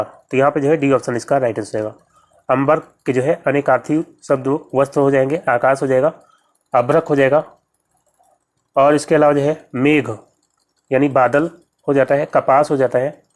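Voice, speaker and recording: A man coaching students through exam questions in a steady, methodical way. He pauses to spell words out and says each correct answer more than once. His pitch sits in an ordinary middle range. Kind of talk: exam-prep grammar lesson.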